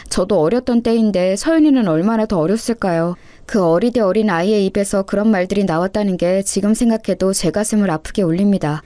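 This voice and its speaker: A woman's voice: mid-range voice, dark tone, no echo. Woman narrating a wistful story. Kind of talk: scripted first-person story narration.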